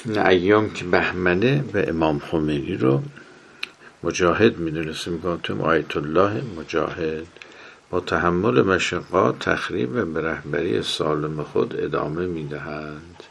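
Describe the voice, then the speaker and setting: A man with a very low, gravelly voice delivers a religious lecture on management. He quotes Arabic sayings and moves between sudden emphatic rises and quiet, trailing drops. The rasp sits under every word.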